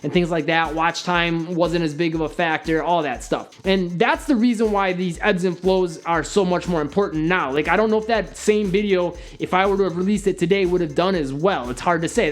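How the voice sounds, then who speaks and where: A young man hosting a casual video on growing a channel, talking straight to camera and swinging between upbeat and deliberately flat delivery. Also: a little high. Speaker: YouTube marketing host. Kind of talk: casual to-camera advice talk.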